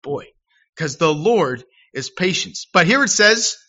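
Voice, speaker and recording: A man's voice: high-pitched, measured pace. Pastor guy, middle-aged, sermon in a church, voice jumps all over, kinda dull lo-fi recording. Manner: animated, self-deprecating, acts out shouted quotes.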